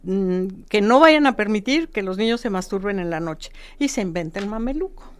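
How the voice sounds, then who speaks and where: A woman, a guest expert explaining history in lively, casual conversation, often tagging lines with a questioning "no". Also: medium pitch, normal speed, clean tone. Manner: lively storytelling with repeated "¿no?" tags.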